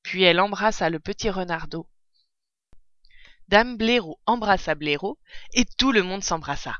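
A woman narrating a children's storybook in an expressive, animated way. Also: medium pitch, no echo, lo-fi sound. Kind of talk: storybook reading.

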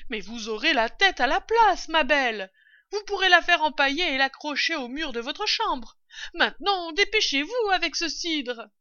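An impatient lady of the house calls down loudly in a high, bright voice, as a woman acts her out. She gives orders in a storybook. The sound is dry and a little dull. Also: animated, moderate pace, no room sound. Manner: loud, impatient, calling out. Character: commanding lady of the house, calling from upstairs. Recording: dull lo-fi recording.

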